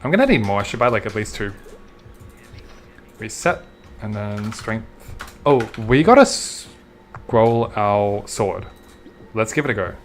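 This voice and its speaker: A man's voice: fairly low pitch, lively intonation, a little slow, pauses often, soft background music. A young Australian man streaming a game, chatting casually and swearing now and then as he answers chat.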